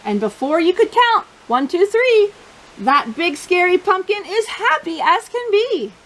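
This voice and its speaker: In this poorly recorded storytime, a woman with a very high-pitched voice reads a picture book to children without hurrying, in a lively sing-song style, speaking right to them.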